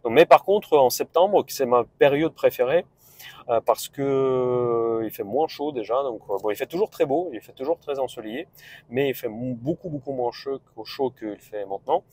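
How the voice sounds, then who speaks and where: A man's voice: mid-range voice, normal speed, a little mellow. A man from Russia with a Russian accent, a vlogger chatting casually and rambling on a road trip, full of hesitations and restarts. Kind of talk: casual travel vlog talk.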